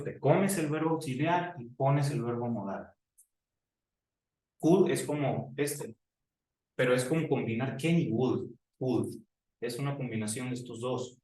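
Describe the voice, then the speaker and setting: A man's voice: mid-range voice, a little mellow. Man, English teacher, patient step-by-step explaining, roomy echo, distant from the mic. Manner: explains slowly, repeats example sentences. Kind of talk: classroom grammar lesson.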